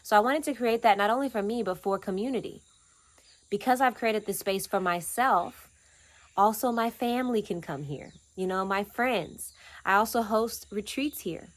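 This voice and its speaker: A woman in her twenties from Atlanta talks in a casual, earnest, reflective vlog about the off-grid cabin where she lives, speaking in short, unhurried phrases. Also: mid-range voice. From Atlanta, Georgia, USA. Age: 20s. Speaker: vlogger and land steward. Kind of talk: casual personal vlog talk.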